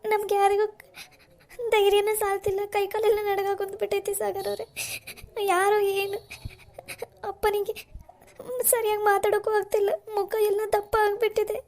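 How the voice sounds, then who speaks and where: A woman's voice: extremely high pitch, monotone, moderate pace, long pauses, a little mellow. A woman voicing a frightened, crying young daughter in a cartoon. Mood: distraught.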